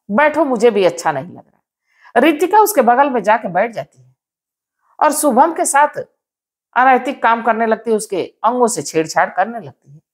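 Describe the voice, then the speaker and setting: A woman tells a crime story in a loose, conversational way, leaning on repeated filler phrases. Her voice is fairly high and very lively in pitch, rising and falling as she narrates. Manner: chatty, repetitive fillers.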